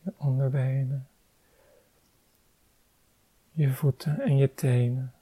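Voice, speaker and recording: A meditation guide talks very slowly and calmly, leaving long pauses between soft instructions. The voice is warm and mellow. The sound is dry and close, with no room echo. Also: medium pitch, breathy edge.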